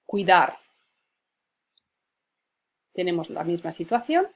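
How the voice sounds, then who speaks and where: A woman teacher talks through spelling rules in a methodical, patient way. Her voice is slightly husky and sits a little low, and she breaks words into syllables one at a time. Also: a little slow. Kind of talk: spelling lesson.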